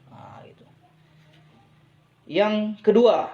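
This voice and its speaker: A man speaks very slowly in a high-pitched voice, giving a persuasive business talk to a live online audience. He keeps asking listeners if they agree and repeats phrases for emphasis. The recording sounds muffled.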